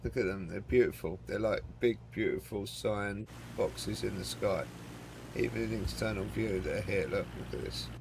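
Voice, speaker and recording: Streaming a flight simulator, a man with a lowish, creaky voice talks at a moderate pace, thinking aloud to himself and his chat, joking and swearing in casual live commentary. The game's engine noise is loud.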